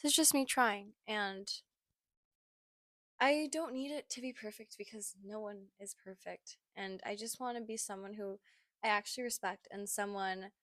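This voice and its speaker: A young woman hosting a personal podcast, reflecting in a halting, tired way with many filler words and apologies. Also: mid-range voice, fairly bright tone, dry recording, clean studio sound. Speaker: podcast host.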